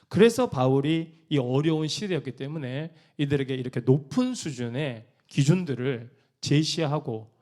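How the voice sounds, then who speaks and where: A man preaching a sermon as a pastor, animated and acting out quoted church members. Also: mid-range voice.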